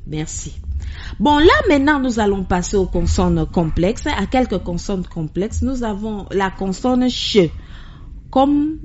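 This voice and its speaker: A woman host leads a radio language lesson, speaking slowly and carefully. She repeats words back to get the pronunciation right. Her voice comes through with a dull, lo-fi radio sound. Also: mid-range voice, expressive, a little mellow, slight background noise.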